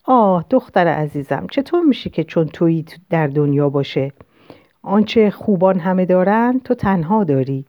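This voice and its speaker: A woman's voice: fairly low pitch, no room sound, lightly acted. A woman putting on a gushing middle-aged lady. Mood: doting. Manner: effusive, flattering. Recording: dull lo-fi recording.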